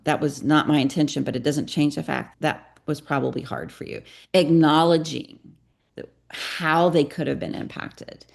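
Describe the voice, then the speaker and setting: A middle-aged woman with a deep, gravelly voice, speaking as a podcast guest. She talks earnestly and confessionally and acts out snatches of dialogue as she tells her story. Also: steady tone, moderate pace. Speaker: guest, psychotherapist and parenting coach.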